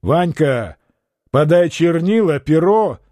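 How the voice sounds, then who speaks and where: A man's voice: fairly high pitch, lively intonation, takes it slowly, warm tone, no room sound, studio quality. A man reading an audiobook, voicing an evasive, greedy provincial governor with a fussy manner. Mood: barking.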